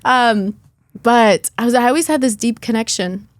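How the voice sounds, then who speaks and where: A woman's voice: a little high, normal speed, dry recording. A young adult woman, born in Lithuania and raised in Chicago, telling her personal story as a podcast guest, earnest and chatty with many fillers.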